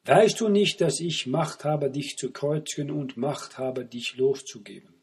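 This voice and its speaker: A man voicing Pilate in a scripture reading, asking measured questions. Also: on the high side, animated, vocal fry, slightly rough, heavily acted. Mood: questioning.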